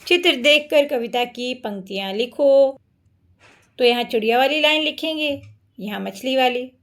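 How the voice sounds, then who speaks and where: A woman's voice: sits high, normal speed, a bit bright. A woman teacher explaining a children's workbook lesson step by step.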